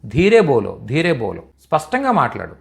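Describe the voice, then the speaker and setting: A man's voice: medium pitch, huge pitch swings, moderate pace, creaky. Patient man drilling phrases. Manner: patient, repeats each phrase several times. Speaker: Hindi teacher. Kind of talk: live online language class.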